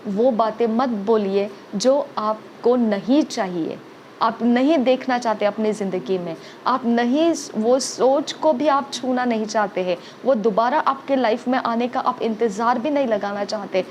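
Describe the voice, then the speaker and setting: A woman preacher delivers a sermon in a fairly high voice, driving her points home with repetition and frequent "okay?" checks. Faint ambient noise sits under her voice. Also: a little slow, darkish tone.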